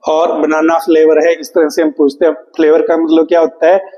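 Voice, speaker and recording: A male English teacher coaching for an exam, who asks the class questions and answers them himself, repeating key words and reading English slowly. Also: on the high side, monotone, mellow, long reverb tail, lo-fi sound. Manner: reads English question text slowly and deliberately; calls students "beta" affectionately. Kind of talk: classroom lesson.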